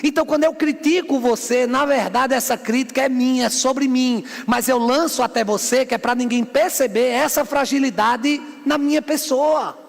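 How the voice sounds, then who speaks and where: A man's voice: very high-pitched, moderate pace, creaky, few pauses. A man from Brazil, preaching a fiery sermon as a bishop, firing rhetorical questions and acting out scenes. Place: church hall. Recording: long reverb of a church hall.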